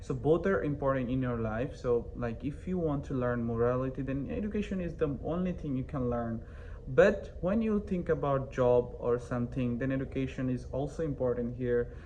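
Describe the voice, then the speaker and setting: A man's voice: medium pitch, moderate pace, dark tone, a little hiss or hum, low-quality recording. A young man from Bangladesh, a student and interview guest, answering hesitantly with many fillers and restarts. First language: not English. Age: young adult.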